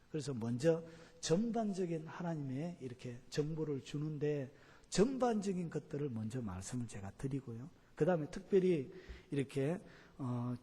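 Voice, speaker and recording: Pastor guy preaching, husky and kinda dark, keeps asking the congregation stuff, big echoey church. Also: on the high side. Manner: keeps filling with "like this", asks the congregation questions. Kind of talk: sermon teaching. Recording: long church hall reverb.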